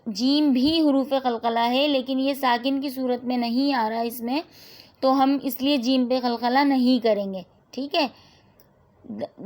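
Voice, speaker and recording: High-voiced woman teaching Quran reading. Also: a little mellow. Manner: slow drilled spelling, then quick explanations; checks in with a repeated "okay?". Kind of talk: Quranic reading lesson, syllable by syllable.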